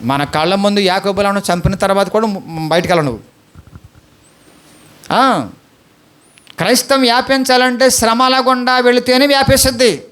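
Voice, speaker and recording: A man's voice: high voice, normal speed, long pauses, fairly bright tone. A male pastor with an Andhra Telugu accent preaching a sermon, pleading with the congregation and firing questions at them.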